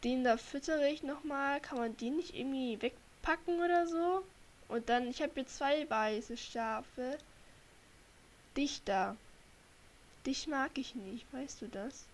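On her gaming channel, a young woman from Germany who has a cold chats and rambles to viewers in casual commentary while playing. She speaks slowly in a high voice into a desk microphone.

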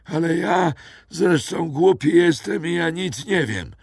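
A man's voice: fairly high pitch, lively intonation, takes it slowly, creaky, husky, no echo, clean studio sound, voice pushed up, heavily acted. A man putting on a grumbling old poacher. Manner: grumbling, rambling folk philosophy. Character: old male French forest poacher, rambling, folksy. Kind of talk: audiobook character voice.

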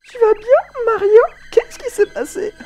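A man voicing a sweet, airy young princess in a ditzy, sing-song falsetto over a video game. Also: unhurried, dark tone, soft background music. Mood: alarmed.

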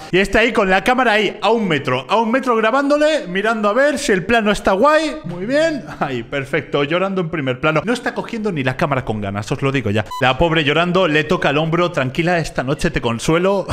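A man giving sarcastic, jokey reaction commentary on a video, mocking it and jumping up in pitch when he exclaims. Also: a bit bright.

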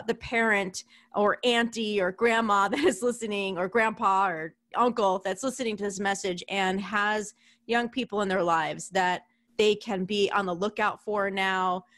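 Woman, podcast host, chatty, casual, laughs easily, mid-pitched voice. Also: fairly bright tone.

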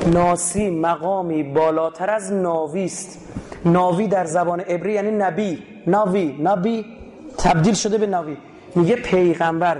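High-voiced Iranian man lecturing. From Iran. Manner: animated, rhetorical questions, explains word by word. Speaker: religious lecturer. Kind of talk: religious lecture to a live audience. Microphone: recording his own lecture.

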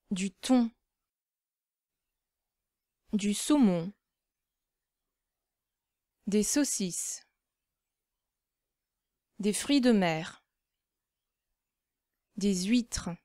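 A woman reads vocabulary aloud for learners at a very slow, deliberate pace, leaving long gaps between words. Her voice sits at a medium pitch and sounds dry and close, with no room around it. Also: warm tone, no echo. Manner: reads isolated words and phrases with pauses. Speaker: language teacher.

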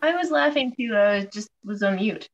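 A woman's voice: medium pitch, brisk, highs cut off. A woman joining a live online session as a participant, answering in casual, brief replies. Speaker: participant on a call.

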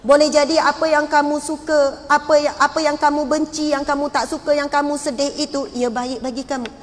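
A woman's voice: sits high, level tone, fairly quick. A Malaysian woman preacher telling a heartfelt story in a sermon, dropping in pious exclamations as she speaks. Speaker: religious preacher. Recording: long hall reverb with faint noise.

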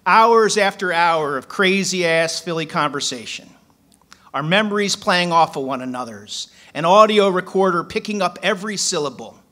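On a small club stage, a man in his forties from Philadelphia stands at the mic reading his poetry from paper before moving into a story. He sounds animated and sharp, with a high-sitting voice at normal speed.

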